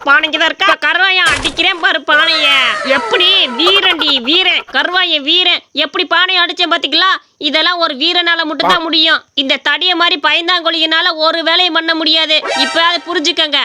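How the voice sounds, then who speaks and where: A woman's voice: extremely high pitch, fairly even intonation, fairly quick, pushed and bright, exaggerated voice. Woman doing a cocky, cheeky village youth. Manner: mocking, boastful. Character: cheeky young village man, cocky trickster. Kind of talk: cartoon story voice acting.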